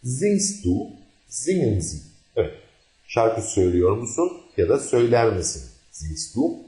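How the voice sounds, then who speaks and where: Deep-voiced man teaching slowly, echoey room. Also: big pitch swings, mellow. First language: Turkish. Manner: explains slowly, repeating example sentences. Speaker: language teacher. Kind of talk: recorded language lesson.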